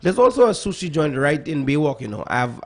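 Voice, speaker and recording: A man's voice: on the high side, very animated, fairly quick, darkish tone. A young man, hosting a casual morning radio show in a jokey, playful way. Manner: playful, jokey, laughs easily. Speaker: radio host. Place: radio studio.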